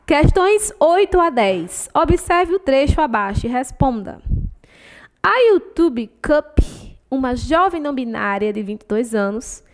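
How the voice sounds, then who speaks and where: A woman with a high voice and a Brazilian Portuguese accent reviews exam questions with her students. She is theatrical and playful, scolding them in jest and breaking into sing-song memory chants. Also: lively intonation, moderate pace, hardly any pauses. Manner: theatrical, teasing and scolding, sings mnemonic chants. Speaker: teacher.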